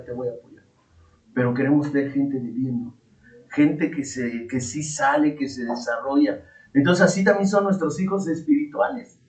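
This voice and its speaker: A middle-aged Mexican man, a pastor teaching a Bible class in a firm preaching tone, calling his listeners brothers. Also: mid-range voice. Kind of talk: class talk with sermon tone. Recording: echoey distant mic, dull sound.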